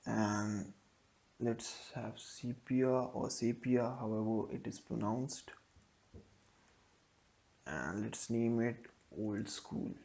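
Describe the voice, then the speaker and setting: A man's voice: fairly low pitch, gravelly, a little mellow. A man hosting a coding tutorial, thinking aloud as he types out code step by step. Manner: slow, thinking aloud while typing code.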